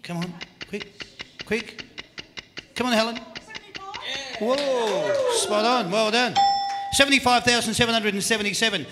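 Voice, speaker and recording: An Australian man hosting a live quiz at a venue, energetic and joking as he hurries contestants along. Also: extremely high pitch, a little slow, pauses often, crowd noise. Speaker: quiz host on a live footy panel show.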